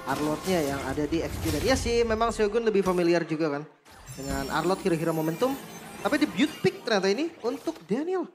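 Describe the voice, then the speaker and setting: A woman's voice: fairly low pitch, sing-song, brisk. Casual female esports analyst over music. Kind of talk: casual live game analysis. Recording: loud music behind the voice.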